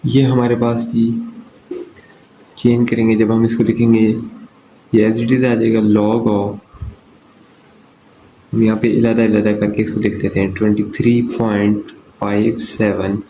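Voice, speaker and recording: A man's voice: fairly low pitch, little pitch movement, a little slow, long pauses, dark tone. A man from Pakistan, teaching a maths lesson step by step, asking and answering his own questions. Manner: asks and answers his own questions, often checks "okay". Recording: roomy echo with faint background noise.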